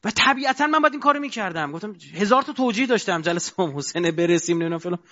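A man giving a colloquial sermon, asking his audience rhetorical questions and moving between loud and quiet stretches. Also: sits high, animated. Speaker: preacher. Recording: dull lo-fi recording.

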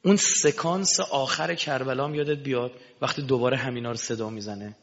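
A man giving an impassioned sermon, dropping to a hush and then rising to shouting. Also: mid-range voice, fairly even intonation. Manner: impassioned, swings between hushed and shouting. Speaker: religious preacher. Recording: echoey hall, dull lo-fi sound.

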